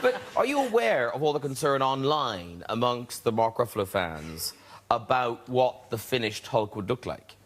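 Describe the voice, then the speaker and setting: A man's voice: medium pitch, sing-song, normal speed, fairly bright tone, slight background noise. A man hosting a talk show, teasing his guests with playful questions. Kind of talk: chat-show interviewing. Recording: studio with audience.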